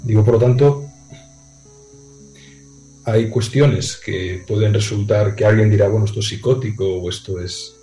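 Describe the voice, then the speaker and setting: A man on a video call speaking thoughtfully with frequent pauses and tag questions. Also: on the low side, mellow, reverberant, faint music behind, rough recording. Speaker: guest. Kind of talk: reflective conversation.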